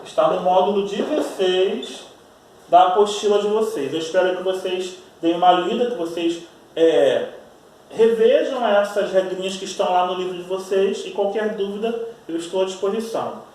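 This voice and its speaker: A man teaching a Portuguese grammar lesson with a Brazilian accent, explaining patiently, drawing out example words slowly and checking in with his students. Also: high voice, a little mellow, a little hiss or hum. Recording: echoey room, voice far from mic.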